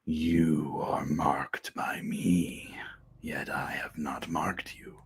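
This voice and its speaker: Guy doing an old growly sea power, whispery and slow, kinda creepy, low voice. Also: steady tone, gravelly, slight background noise, full character voice. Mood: ominous. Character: ancient growling male sea power, cryptic.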